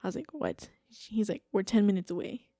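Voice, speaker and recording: Young woman with vocal fry, chatty storyteller. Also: medium pitch, quick pace, no echo, clean studio sound. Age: 20s. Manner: animated, acts out quotes, heavy use of "like". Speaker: guest. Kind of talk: casual podcast storytelling.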